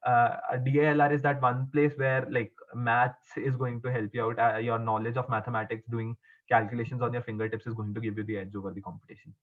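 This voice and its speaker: A young man with a mid-pitched voice answers formally, as if advising in an interview. He is earnest but hesitant, often stumbling and restarting as he explains. The sound is thin and narrow, like a phone line. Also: level tone. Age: young adult. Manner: hesitant, halting, with frequent stumbles and repeats. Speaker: exam topper giving advice as interviewee. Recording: muffled, phone-like narrow band.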